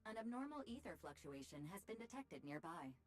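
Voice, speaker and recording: A woman voicing a crisp, composed character who delivers reports in a video game. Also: mid-range voice, very animated, brisk, faint music behind. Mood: alert. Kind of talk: game voice acting.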